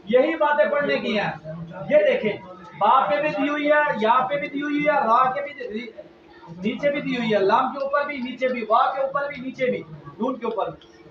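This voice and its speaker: A man teaching children to read the Quran, drilling them with repeated questions and loud emphasis, with a Pakistani Urdu accent. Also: very high-pitched. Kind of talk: classroom lesson to children. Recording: echoey, distant, muffled, noisy room.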